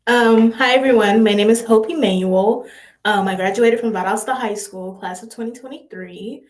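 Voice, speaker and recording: A woman's voice: fairly high pitch, normal speed, darkish tone. A young adult woman, a college freshman, introducing herself eagerly on a panel. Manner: eager, upbeat. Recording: echoey room.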